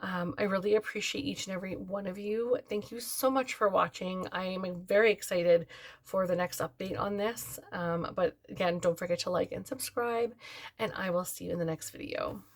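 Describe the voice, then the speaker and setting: Woman, beauty vlogger, tired and yawning, gravelly fry in the voice, rambling casual chat. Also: medium pitch, steady tone, normal speed. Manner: chatty, rambling with many fillers. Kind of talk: casual product review chat.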